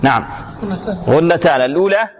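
A man teaching Quran recitation, drawing words out slowly and quizzing his students on pronunciation rules. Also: on the high side, animated. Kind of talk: tajweed lesson with students.

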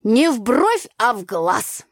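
A woman's voice: fairly high pitch, big pitch swings, slow pace, dry recording, studio quality, voice pushed up. A woman voicing a brash, chatty village girl who speaks in folk sayings. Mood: boisterous. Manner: brash, loud, chattering in proverbs.

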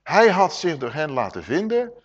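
A middle-aged man preaching a lively Bible teaching, asking the congregation questions and acting out voices. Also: a little high, normal speed, husky. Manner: animated, rhetorical questions to the congregation, acts out voices. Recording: dull lo-fi sermon recording.

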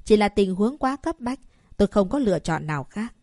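A woman voicing an angry, protective royal father who shouts at a doctor treating his daughter. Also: medium pitch, expressive, brisk, no echo, clean studio sound. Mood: pleading. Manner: shouting, indignant and urgent.

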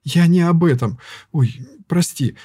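A man's voice: fairly high pitch, a little slow, dark tone, slightly rough, no echo, studio quality, pitched above the performer's own voice. A man reading an audiobook voices a frightened young girl in love, pleading with a trembling, urgent voice. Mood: desperate.

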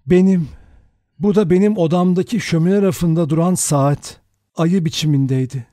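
Scared young woman, high shaky voice, keeps crying out, a guy reading doing her voice, dry close recording. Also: lively intonation, a little fast, dark tone, no room sound. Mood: fearful. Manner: cries out in a raised, trembling voice. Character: frightened young woman, shrill and desperate. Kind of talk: audiobook reading.

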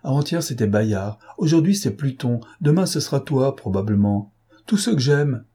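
A fiery, teary young woman pours out her grievances, put on by a man reading aloud, her voice pushed well above his normal range. The tone is plaintive and vehement, with a husky, breathy grain still audible. It comes across as a storybook character in full complaint. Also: mid-range voice, normal speed, dark tone, voice pushed up, natural voice. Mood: indignant. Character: tearful indignant young girl fiancée.

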